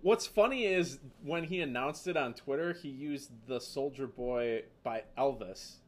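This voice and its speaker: A man from Wisconsin with a Wisconsin accent, co-hosting a casual podcast and telling stories in a relaxed way with filler words. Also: mid-range voice, a little slow. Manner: easygoing, storytelling with filler words. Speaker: podcast co-host.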